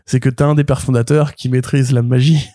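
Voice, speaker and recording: A man co-hosting a comics podcast, retelling a plot in an animated, rambling way full of fillers and restarts. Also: mid-range voice, a little fast, dry recording, studio quality. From France. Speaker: podcast co-host, comics reviewer. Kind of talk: casual podcast chat.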